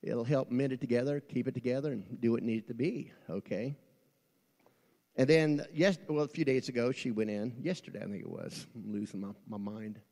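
A middle-aged male pastor preaching a folksy sermon, swinging from quiet asides to shouting, recorded in a church. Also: mid-range voice, normal speed. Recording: long church reverb.

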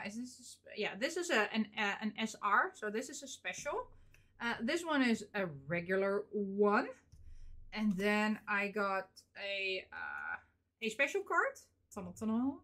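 A woman's voice: mid-range voice, a bit bright. Woman, 30s, vlogger. Casual unboxing chatter, rambling, filler-heavy. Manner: chatty, rambling, frequent fillers and small laughs. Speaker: vlogger showing convention purchases.

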